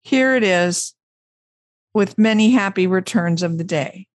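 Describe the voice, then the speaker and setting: A woman's voice: mid-range voice, measured pace, no echo, clean studio sound, voice pushed up, close to an everyday voice. A woman voicing a small, timid, apologetic male piglet from a children's storybook, meek and faltering. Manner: faltering, meek, anxious to please.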